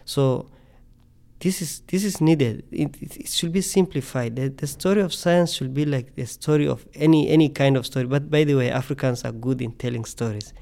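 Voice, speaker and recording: Earnest Tanzanian-born scientist, gravelly voice. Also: male voice, mid-range voice, normal speed, mellow. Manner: earnest, repeats words when thinking. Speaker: scientist guest. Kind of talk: podcast interview.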